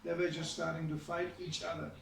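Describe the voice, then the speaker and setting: A man's voice: fairly high pitch, little pitch movement, fairly quick, creaky, slight background noise. A man giving a storytelling sermon in a conversational way, with frequent asides to his listeners. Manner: conversational, many asides to the audience. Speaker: spiritual teacher giving a scripture class. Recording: echoey hall, mic at a distance.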